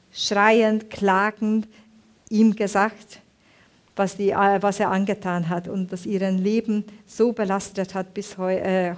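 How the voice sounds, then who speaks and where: A woman from Hungary, giving a sermon with a personal story, halting and often searching for words. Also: medium pitch.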